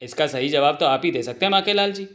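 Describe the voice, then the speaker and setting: A gruff cartoon commander who questions everyone, voiced by a man. His tone is stern and accusing. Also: fairly high pitch, animated, fast talker, fairly bright tone. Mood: suspicious. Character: stern suspicious male army commander. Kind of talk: Hindi comic dub.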